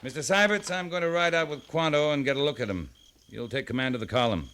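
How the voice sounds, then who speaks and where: An actor playing a seasoned, terse cavalry captain in an old-time radio western, laconic and authoritative. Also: male voice, mid-range voice, lively intonation, fast talker, a bit bright, lightly acted. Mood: brisk command. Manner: laconic, authoritative, matter-of-fact.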